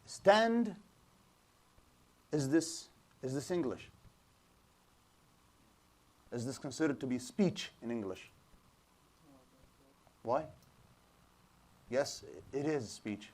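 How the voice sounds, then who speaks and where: Speaking very slowly and pausing often, this Islamic studies teacher has an animated, mid-range voice that's a little mellow. He lectures a class in a small room with a projector screen, explaining, asking rhetorical questions and restarting frequently.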